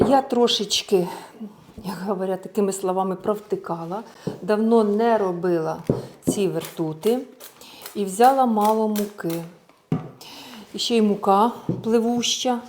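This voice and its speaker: A home cook with a mid-range voice shows a recipe in a casual tutorial, chatting through each step as she works and slipping Russian words into her speech. Background noise is audible.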